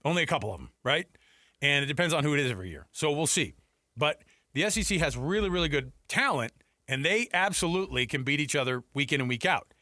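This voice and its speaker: Fast and animated, with a high-leaning, bright, forceful voice, this American sports radio host chats casually into a close studio headset mic. His commentary is conversational, peppered with rhetorical questions and asides, and the recording is dry.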